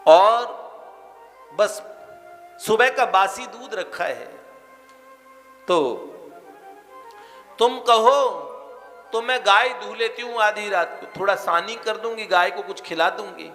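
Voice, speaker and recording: A man's voice: sits high, slow, long pauses, bright, forceful tone, pitched above the performer's own voice, exaggerated voice. A man voicing a simple devoted village milkmaid. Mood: caring. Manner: pleading, emotional. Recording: reverberant hall, faint music behind.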